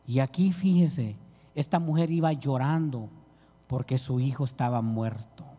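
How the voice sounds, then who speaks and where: A man's voice: mid-range voice, unhurried, warm tone. A man preaching a sermon, pleading with his listeners and calling them brother. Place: church hall. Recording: reverberant church hall.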